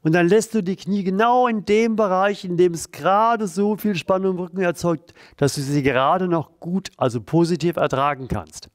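A man leading a guided exercise routine, calm and encouraging, talking while he does the moves himself. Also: high voice, moderate pace, hardly any pauses, no echo, clean studio sound. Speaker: therapy coach leading exercises.

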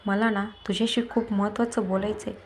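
A woman voicing a worried, loving middle-aged husband who speaks gently and pleads. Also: mid-range voice, flat delivery, brisk, slight background noise, lightly acted. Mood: earnest.

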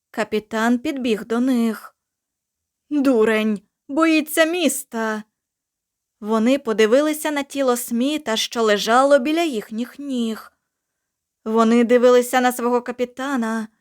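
A woman narrating a science fiction audiobook in a measured, dramatic storytelling manner. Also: sits high.

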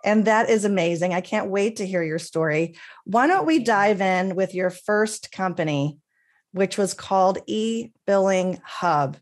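A woman's voice: medium pitch, unhurried. Enthusiastic middle-aged woman hosting on a video call. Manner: enthusiastic, effusive praise. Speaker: podcast host. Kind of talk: hosted interview intro. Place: home office, indoors. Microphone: webcam on a video call.

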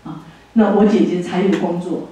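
A woman's voice: lowish voice, normal speed, distant mic. Older woman with a Taiwanese Mandarin accent, echoey hall. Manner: animated, heartfelt storytelling with chuckles. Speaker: guest speaker at a church fellowship. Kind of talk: personal testimony at a church gathering. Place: church fellowship hall.

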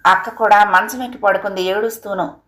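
Female storyteller for a family-drama audiobook, steady and expressive. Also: mid-range voice, a little fast. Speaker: audiobook narrator.

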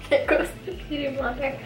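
Sitting at a table in a small room, a young woman who makes beauty videos does her makeup on camera while chatting in a playful, casual way, her pitch fairly high. Her camera mic is a few feet off, giving a roomy, distant recording with background noise and some clinking.

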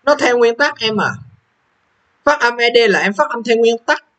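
A man's voice: very high-pitched, lively intonation, moderate pace, a bit bright, highs cut off. A young man, walking students through an English exam, repeating question numbers and checking they follow. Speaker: English teacher. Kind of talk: exam walkthrough lesson.

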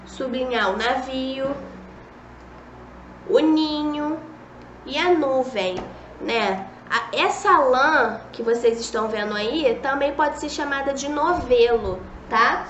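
A woman's voice: a little high, slight background noise. A young woman teaching preschoolers in a recorded video lesson, patient and coaxing, often checking in with the children. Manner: patient, coaxing, talks to kids as "a tia", many "ó" and "tá bom?". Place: classroom with a whiteboard. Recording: dull echoey room recording.

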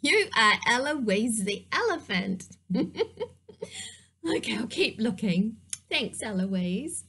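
A woman leads a preschool puppet-show lesson in a playful, sing-song manner. Her voice sits high and swoops widely, and she speaks slowly and gently for small children. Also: big pitch swings, breathy edge. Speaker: preschool teacher.

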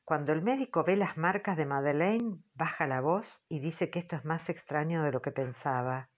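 Audiobook narrator, woman, low-key and lowish, dull audio. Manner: measured, low-key reading. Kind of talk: scripted literary narration.

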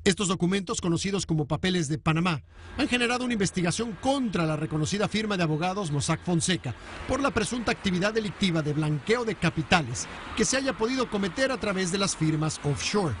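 A middle-aged man reporting the news from a newsroom studio in a brisk, formal newscaster delivery. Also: high voice, lively intonation, a little hiss or hum. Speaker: news correspondent.

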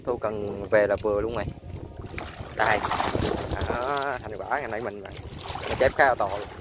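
A young man vlogging his fishing day on a lakeshore, talking to viewers with excitement. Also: lowish voice, normal speed, noisy background. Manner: excited, addresses viewers often. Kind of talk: casual outdoor fishing vlog. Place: outdoors on a lakeshore.

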